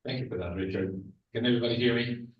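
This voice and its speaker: A man's voice: mid-range voice, quick pace, distant mic, muffled recording, a little hiss or hum. Man from Israel speaking in an echoey hall. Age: 40s. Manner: earnest, personal, with restarts. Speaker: panel speaker. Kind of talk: panel talk.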